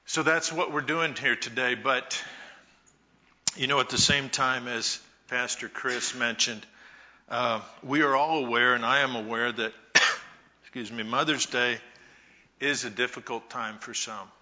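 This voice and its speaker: A man giving a Mother's Day talk to a church congregation, telling folksy stories with pauses. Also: mid-range voice, steady tone, pushed and bright, muffled recording. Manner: slow, folksy storytelling with pauses. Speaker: church speaker.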